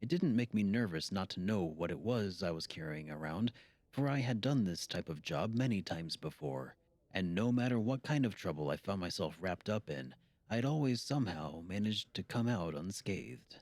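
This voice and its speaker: A male audiobook narrator with a lowish voice, reading in a steady, measured way. His delivery is even and deliberate, and it carries the story forward calmly. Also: dry recording. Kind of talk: scripted narration.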